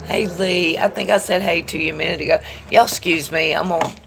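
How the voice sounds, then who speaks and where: On a tarot live stream, a woman stuffed up from allergies chats casually with viewers, reading comments aloud and greeting people by name. Her voice is lowish and steady in tone, with vocal fry and a brisk pace, and a little hiss or hum sits in the background. She's chatty and tends to ramble.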